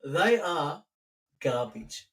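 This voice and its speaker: A man's voice: a little high, big pitch swings, drawn-out words. A man co-hosting a podcast, chatting casually about sport in a dismissive, sweary way. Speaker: podcast co-host.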